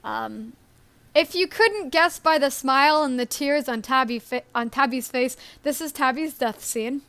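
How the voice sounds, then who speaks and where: A woman who creates stories co-hosts a casual live stream, rambling chattily with lots of ums and small laughs. Her voice sits high with a fairly bright tone, smooth and at a measured pace, with no echo.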